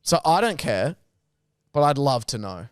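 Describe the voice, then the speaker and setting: A man's voice: medium pitch, very animated, measured pace, clear, resonant tone, dry recording, studio quality. An Australian man hosting a podcast in casual chat, speaking bluntly in slangy Aussie lad talk. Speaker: podcast host.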